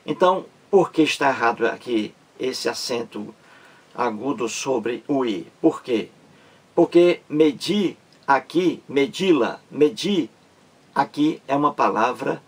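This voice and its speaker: A man teaching a grammar lesson, talking slowly and repetitively, stressing syllables emphatically as he explains. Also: medium pitch, breathy edge. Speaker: Portuguese language teacher.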